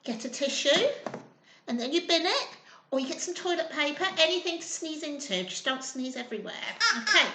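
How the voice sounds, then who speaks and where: Reading and chatting at a children's storytime, this woman speaks to small children in a simple, encouraging, sing-song manner. Her high voice is expressive, pushed and bright, a little fast, and the roomy, echoey indoor recording carries a slight hiss or hum.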